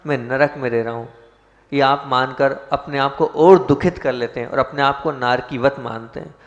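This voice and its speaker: A Jain monk giving a sermon, asking rhetorical questions and stressing key points with rising force. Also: male voice, mid-range voice, dull audio. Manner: opens with sung chanted prayers. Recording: long hall reverb.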